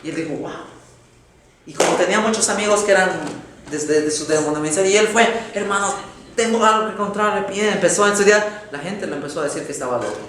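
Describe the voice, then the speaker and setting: A man preaching a sermon, telling a story with dramatic swings between loud exclamations and hushed tones. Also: high-pitched, fast, recorded from a distance. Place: large echoey church hall. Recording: very echoey hall, faint noise.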